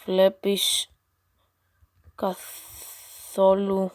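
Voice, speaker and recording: A female gaming host chats casually as she reads a chatbot's answers aloud, playful and teasing with exasperated asides. Her voice sits at an ordinary middle pitch. The sound is dry and close, with no room around it. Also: completely flat delivery, no room sound. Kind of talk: casual chat while reading out a chatbot's replies.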